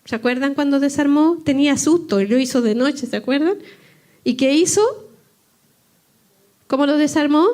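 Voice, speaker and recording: A woman's voice: sits high, normal speed, pauses often, a little mellow. A woman with a Chilean accent teaching in a sermon, checking in with the congregation through frequent questions. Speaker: preacher.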